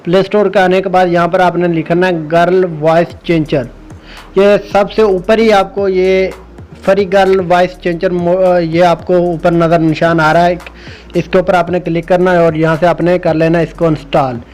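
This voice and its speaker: Over background music, a man hosts a casual phone app tutorial, guiding viewers one step at a time. His high-pitched, slightly mellow voice stays fairly level in pitch and moves at a normal speed.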